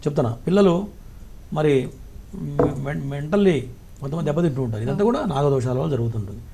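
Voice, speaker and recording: A male astrologer with a high voice and a rapid, clipped delivery. He lectures callers bluntly and tells them what to do. He speaks in a call-in advice format. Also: lively intonation, creaky, mellow, slightly rough.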